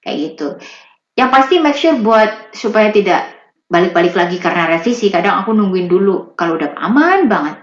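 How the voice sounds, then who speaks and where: A woman working as a voice-over artist, chatting casually in an interview and explaining with lively rises in her voice. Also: medium pitch, brisk. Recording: roomy, slightly dull recording.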